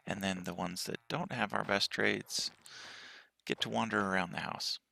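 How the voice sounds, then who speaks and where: Deep, gravelly man with a morning voice. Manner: relaxed walkthrough with frequent pauses and fillers. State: morning voice, just woke up. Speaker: game player. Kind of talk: game world tour commentary.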